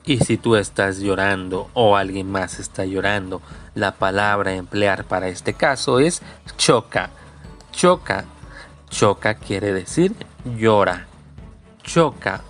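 A man teaching vocabulary at an unhurried, deliberate pace with a somewhat low voice. He says each word several times over, patiently, like a lesson recording. Faint music plays softly underneath. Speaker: language teacher.

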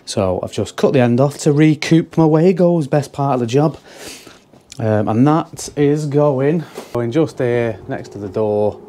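A man's voice: mid-range voice, unhurried, warm tone. A young man, an electrician, chatting casually to a handheld camera as he works indoors, rambling and joking at his own expense. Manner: chatty, self-mocking, rambling asides. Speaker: electrician vlogger. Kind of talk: casual commentary while working. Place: indoors at a house job. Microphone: handheld camera mic.

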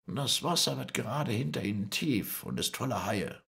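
A man's voice: mid-range voice, animated, creaky, fairly bright tone, voice pushed up. A man reading an audiobook, voicing a cold, commanding older male scientist who speaks firmly and persuasively. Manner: firm, measured, persuasive. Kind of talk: audiobook character voice.

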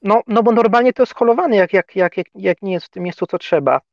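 A man's voice: high-pitched, quick pace, dry recording. A man from Poland chatting as an interview guest over a video call, hesitant, often repeating words and chuckling. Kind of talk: casual conversation. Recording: dull, muffled sound.

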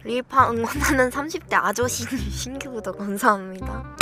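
Excitable woman streamer thanking viewers. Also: fairly high pitch, moderate pace, over loud music. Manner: excitable, exclaims and yells playfully. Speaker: virtual streamer. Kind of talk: reading viewer donations on stream.

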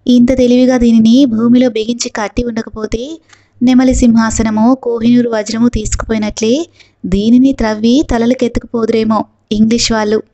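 A woman reading the part of a grave, serious young man who speaks slowly and earnestly, in a dull lo-fi recording. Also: fairly high pitch, level tone, mellow, lightly acted. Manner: slow, measured, earnest.

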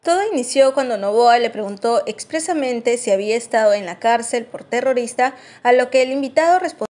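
A woman reads a scripted news voice-over in a formal, even delivery. Her voice sits a little high. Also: fairly quick. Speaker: news narrator.

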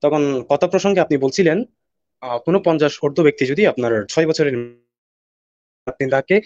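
A man's voice: fairly high pitch, a little fast, darkish tone, dry recording, muffled recording. A man calling in to a live stream and asking a question, his call breaking up and cutting out. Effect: call breaking up and dropping out.

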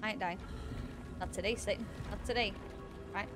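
A woman's voice: medium pitch, steady tone, moderate pace, noisy background. A woman streaming a game live, chatting and thanking viewers, shrieking when scared. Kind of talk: live gameplay chat.

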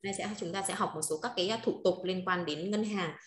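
A woman teaching an online Chinese lesson, briskly drilling each word twice and coaching her students. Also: lowish voice, background noise. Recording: roomy echo.

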